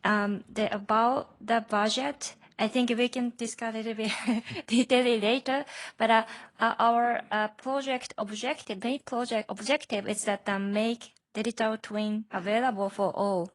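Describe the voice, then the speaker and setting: A woman researcher on a panel, answering audience questions in a measured way with frequent pauses. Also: on the high side, fairly even intonation.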